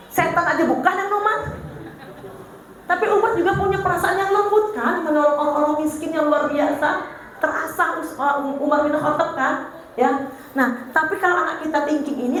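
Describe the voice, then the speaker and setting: A high-pitched, middle-aged woman with a Banjar accent speaks at a parenting seminar, telling humorous stories and playing every part with animation. Her voice rings through a very reverberant hall with a faint hiss underneath. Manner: animated, acts out her husband and herself in funny anecdotes. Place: large hall with an audience. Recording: very echoey hall, faint noise.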